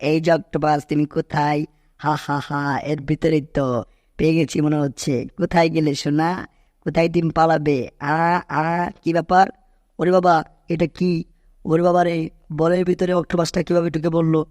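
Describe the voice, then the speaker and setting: A man's voice: on the high side, little pitch movement, normal speed, darkish tone, dry recording, studio quality, lightly acted. Tom, a man playing a blustering cartoon cat. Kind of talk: cartoon dub acting.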